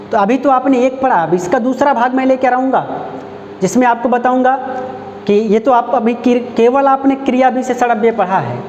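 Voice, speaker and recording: A male Hindi grammar teacher from Uttar Pradesh giving an online class, repeating example phrases slowly and checking understanding with rhetorical questions. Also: very high voice, a little mellow, a little hiss or hum. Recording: echoey, dull lo-fi room recording.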